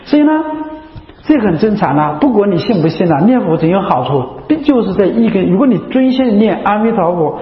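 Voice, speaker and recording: A man's voice: high-pitched, sing-song, a little fast. A man, a Buddhist monk, giving a chatty, repetitive dharma talk full of rhetorical questions. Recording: echoey hall, dull lo-fi sound.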